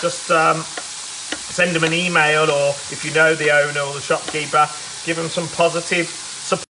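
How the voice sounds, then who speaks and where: A man's voice: on the high side, level tone, normal speed, background noise. Chatty man over a sizzling pan. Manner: chatty and rambling, with fillers. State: stuffy and a bit nasal. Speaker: home cook livestreaming. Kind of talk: casual live cooking chat. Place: city apartment kitchen. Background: food frying in a pan.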